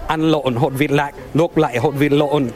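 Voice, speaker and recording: A man's voice: a little high, fairly even intonation, measured pace, a little mellow. A man demonstrating and explaining a language's tones in a careful, explanatory way. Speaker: interviewee.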